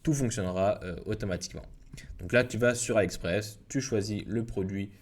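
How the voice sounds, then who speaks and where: A young man giving a casual, filler-heavy software tutorial. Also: on the low side, normal speed. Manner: casual, informal, many fillers and restarts. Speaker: WordPress tutorial youtuber. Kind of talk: screen-recorded software tutorial.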